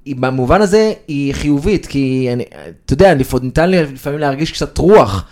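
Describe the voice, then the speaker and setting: A man's voice: mid-range voice, expressive, a little mellow. A man, a sports journalist co-hosting a casual podcast, talking in a digressive way with many fillers. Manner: conversational, digressive, with frequent fillers.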